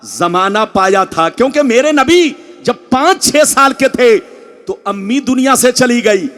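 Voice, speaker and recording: A man preaching a booming, combative sermon to a religious gathering, urging the crowd to answer back. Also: a bit bright. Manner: combative, exhorting the crowd to chant and respond. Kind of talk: booming, rousing public sermon with call-and-response. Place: large public religious gathering, over loudspeakers. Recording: long hall reverb from a PA.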